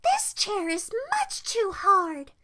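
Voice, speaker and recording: Woman acting out a fussy, high Goldilocks. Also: huge pitch swings, sharp tone, heavily acted. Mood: whiny dismay.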